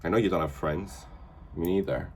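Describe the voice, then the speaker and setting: Twenties male vlogger, deep-voiced, teasing and blunt, casual chat. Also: moderate pace, slight background noise. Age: 20s. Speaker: vlogger host.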